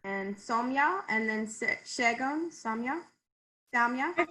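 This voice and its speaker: A woman's voice: fairly high pitch, lively intonation, takes it slowly, sharp tone, a little hiss or hum, rough recording. A woman moderating a video call, calling on people by name and chatting casually. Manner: friendly, apologetic, calls names.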